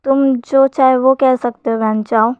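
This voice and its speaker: Woman reads upset young man, storybook quote, flat delivery, dry close sound. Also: high-pitched, measured pace, clear, resonant tone, no echo. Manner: read in a plain narrating voice. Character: upset young man, rejecting a friend's advances. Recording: dull lo-fi sound.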